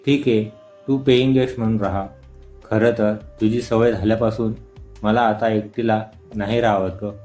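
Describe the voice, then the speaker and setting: A man reading the lines of a kind, lonely older woman teacher in an audio story, calmly and gently. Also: fairly low pitch, moderate pace, soft background music, lightly acted. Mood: gentle.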